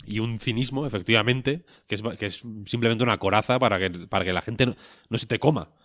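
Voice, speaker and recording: A man's voice: lowish voice, fast, fairly bright tone, dry recording. A man, co-hosting a podcast in casual chat, rambling and joking with a lot of swearing. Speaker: podcast co-host.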